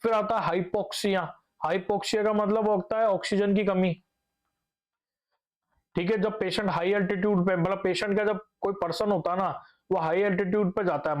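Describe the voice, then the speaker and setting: This is a young male nursing teacher with a high voice. He lectures patiently, asks the class questions and answers them himself, and repeats each key term a few times. He drops English medical words into his speech. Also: highs cut off.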